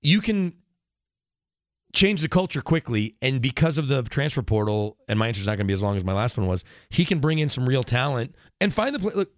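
Appearing as a guest on a radio broadcast, a man talks sports casually, explaining in long detail with tangents and self-corrections. His medium-pitched voice moves fairly quickly with big pitch swings, recorded in studio quality with no echo.

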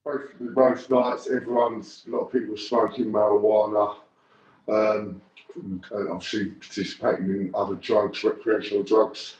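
Disguised deep male voice, distant. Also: level tone, darkish tone. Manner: hesitant, halting. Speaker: whistleblowing site worker. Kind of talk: anonymous interview clip. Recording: distant, dull, echoey.

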